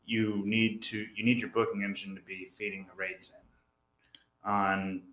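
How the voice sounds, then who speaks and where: A man talking casually as a podcast co-host, laying out a list with pauses and fillers. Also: lowish voice, flat delivery, a bit bright. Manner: laid-back, lists items with fillers. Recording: roomy office sound.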